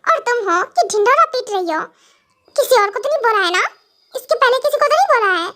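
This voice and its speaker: A woman playing a stern young husband and professor in a fan audio drama. He scolds and lectures his wife in exasperation. The voice stays high and bright throughout. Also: animated, fairly quick, heavily acted. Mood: scolding.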